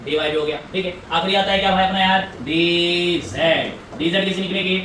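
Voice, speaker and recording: A man teaching maths in a classroom, talking briskly, repeating himself and coaxing students along, heard from a distant mic. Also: high voice, fairly even intonation, sharp tone. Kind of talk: classroom lecture. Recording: echoey room, voice from afar, faint hum.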